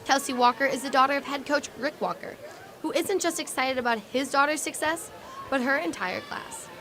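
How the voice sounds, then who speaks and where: A woman's voice: sits high, a little fast, music in the background. A young woman reporting a student news story in scripted narration, with an upbeat, punny delivery.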